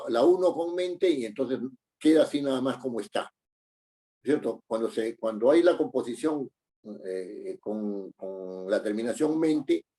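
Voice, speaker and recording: A man's voice: medium pitch, warm tone. A middle-aged man teaching a class, explaining patiently with many fillers and tag questions. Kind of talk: online class lecture.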